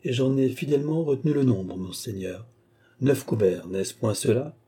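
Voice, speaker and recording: A formal, stubborn butler answers with stiff deference in a dark, husky voice, as a male reader plays him. He stays polite but unyielding in this audiobook scene. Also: medium pitch, normal speed, close to an everyday voice. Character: stiff, dignified male butler, middle-aged. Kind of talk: audiobook character reading.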